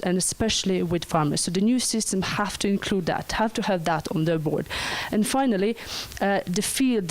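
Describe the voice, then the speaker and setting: A woman's voice: mid-range voice, a little mellow, low-quality recording. A young woman from Croatia, giving a friendly conference presentation and laughing lightly now and then.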